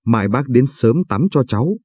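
A man voicing a timid young peasant husband who speaks anxiously and quietly. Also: medium pitch, expressive, normal speed, husky, dry recording, clean studio sound. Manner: timid, hushed.

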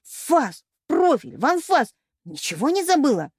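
Female reader voicing a high, shrieking, indignant young noblewoman in an audiobook; dry close read. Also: sing-song, normal speed, no echo. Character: shrill jealous young noblewoman, quick to shriek.

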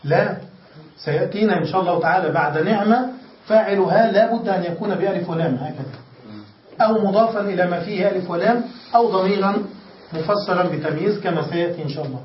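In an echoey room recorded through a distant lo-fi mic, a male grammar teacher talks fast in a high voice, with slight background noise. He walks his class through the lesson step by step, repeats his points and keeps making sure everyone is following.

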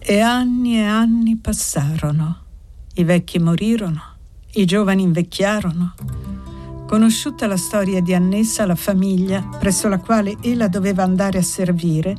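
A woman narrating a literary audiobook in a measured, unhurried way, with long pauses. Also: mid-range voice, mellow, soft background music. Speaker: audiobook reader.

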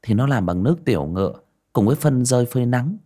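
A man voicing a calm young woman exorcist who speaks in a low, matter-of-fact way. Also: fast talker, close to an everyday voice.

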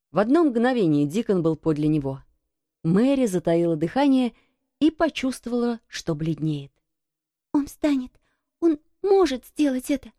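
Mellow, expressive woman narrator. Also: lowish voice, dry recording, clean studio sound. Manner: expressive storytelling. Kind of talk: audiobook reading of a children's classic.

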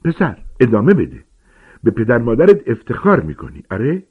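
A man voicing a bloated, spiteful middle-aged aunt who mocks and shouts in a shrill voice. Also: huge pitch swings, slightly rough, heavily acted. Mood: mocking. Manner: shrill, mocking, furious shouting. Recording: tinny phone-like sound.

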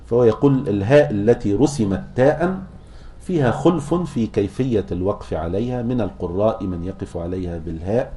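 A man teaching a class on Quran recitation, asking students questions, chanting verses slowly and restarting words as he explains. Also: on the low side, expressive, dark tone, slight background noise. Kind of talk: classroom lecture explaining a poem.

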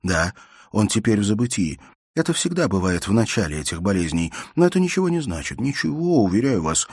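An anxious young man from an audiobook, voiced by a male reader keeps offering earnest reassurance. The voice is low and husky. It sounds dry and close. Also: very animated, fairly quick, darkish tone, no echo, full character voice. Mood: anxious reassuring. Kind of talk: audiobook character voice.

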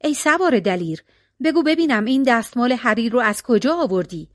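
A woman voicing a talking mother tiger in a storybook tale, gentle and measured. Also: fairly high pitch, lively intonation, no room sound, studio quality, lightly acted. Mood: kindly.

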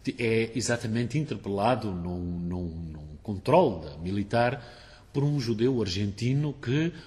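A man's voice: on the low side, lively intonation, a little slow, darkish tone, long reverb tail. A man who hosts a radio book program, often completing his guest's sentences. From Portugal. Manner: finishes the guest's sentences, frequent backchannel. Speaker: radio show host. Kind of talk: radio interview.

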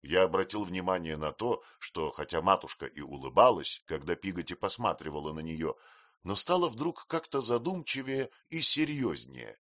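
A man narrating an audiobook with an expressive, animated reading. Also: deep voice, moderate pace, no room sound, clean studio sound.

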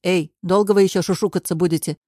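A woman's voice: fairly low pitch, fairly even intonation, fast talker, mellow, no room sound, clean studio sound, lightly acted. A woman reading the part of a teasing middle-aged male friend at a party in an audiobook.

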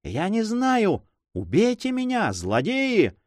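A man narrating voices a terrified prisoner under torture. His voice swings widely between hushed, broken pleading and desperate cries. The recording is close and dry. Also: on the low side, animated, unhurried, no room sound, pitched below the performer's own voice. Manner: desperate, alternately whispering and crying out.

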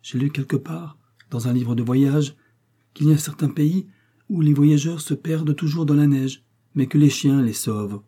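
Male reader as somber loyal innkeeper, earnest, dark husky voice. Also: a little high, moderate pace, pitched above the performer's own voice. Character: gloomy, loyal middle-aged innkeeper. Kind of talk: audiobook character reading.

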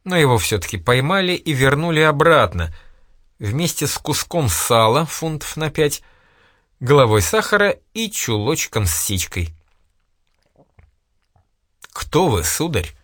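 A man's voice: a little high, very animated, normal speed, fairly bright tone, no echo, studio quality. A man reading a novel aloud with dramatic storytelling. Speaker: audiobook narrator. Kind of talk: expressive literary narration.

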